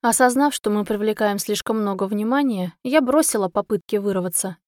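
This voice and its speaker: Expressive woman narrating a story. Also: mid-range voice, brisk, dry recording, studio quality. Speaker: audiobook narrator. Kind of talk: first-person story narration.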